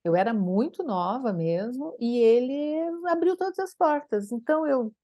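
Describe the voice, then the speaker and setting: Animated Brazilian woman speech therapist. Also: normal speed, no room sound, clean studio sound. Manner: animated, acts out quoted dialogue with big pitch jumps. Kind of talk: conversational interview storytelling.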